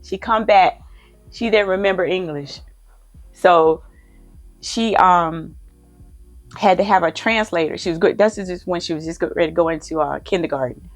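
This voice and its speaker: A woman's voice: on the low side, moderate pace, long pauses, no room sound, soft background music. A woman, a mother chattily telling family stories, often repeating herself. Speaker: mother guest. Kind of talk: casual family storytelling.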